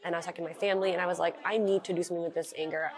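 A young woman who owns a candle shop speaks very fast in a lowish voice with fairly even intonation. She is being interviewed indoors in her shop, wearing a lapel mic, and comes across as earnest and heartfelt.

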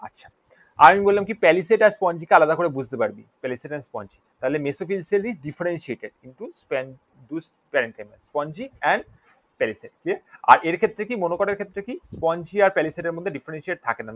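A man teaching biology for an exam, mixing in English terms and often asking rhetorical questions and checking "clear?". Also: a little high, animated, moderate pace, fairly bright tone, no room sound. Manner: mixes Bengali with English terms. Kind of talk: exam-prep lecture. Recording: dull lo-fi recording.

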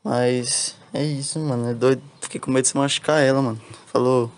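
A man speaks loudly and casually, full of slang. His pitch sits in the middle range. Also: steady tone, a little fast.

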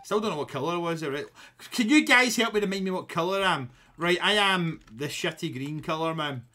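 A man with a Scottish accent streaming a game, chatting to his viewers in a sweary, excitable way that breaks into shouting. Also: on the high side, a little fast. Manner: sweary, loud and excitable, shouting when riled. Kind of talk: casual gaming stream chat.

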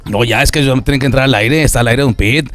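A man's voice: mid-range voice, fast talker, fairly bright tone, faint music behind. A man, a radio announcer, chatting casually with many fillers. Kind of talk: casual chat.

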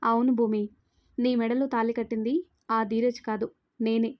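A woman's voice: fairly high pitch, little pitch movement, moderate pace, a little mellow, close to an everyday voice. A woman voicing an angry young man, a fierce protective hero in a spoken story, threatening and furious. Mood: reassuring.

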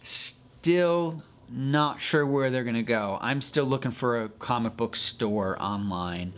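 A man's voice: mid-range voice, slow pace. Man explaining apps casually. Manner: relaxed, explanatory, with many fillers and restarts. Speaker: podcast co-host reviewing comic apps. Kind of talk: casual chat. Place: comic store, indoors.

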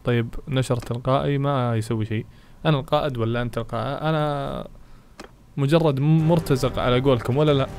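A man giving excitable let's play commentary, chatting to his viewers and reading game text aloud as he plays. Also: medium pitch, fast talker, creaky. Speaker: gaming channel host.

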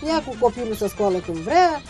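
A woman's voice: fairly high pitch, very animated, music in the background. A middle-aged woman, a mother-in-law, talking bossily in a farmyard. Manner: scolding, bossy. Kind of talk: casual rural chat. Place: farm courtyard outdoors.

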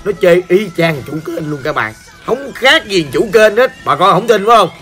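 High, bright-voiced hoarse Southern Vietnamese man. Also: very animated, normal speed. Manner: playful, joking, talks straight to viewers. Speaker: gaming channel host. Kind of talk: chatty gameplay commentary. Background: faint background music.

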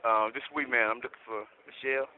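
A man's voice: medium pitch, steady tone, quick pace. A man calling from prison on an inmate phone line, chatting politely with short acknowledgements. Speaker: inmate making a collect call. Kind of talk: casual phone chat. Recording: tinny phone line with clicks and noise.

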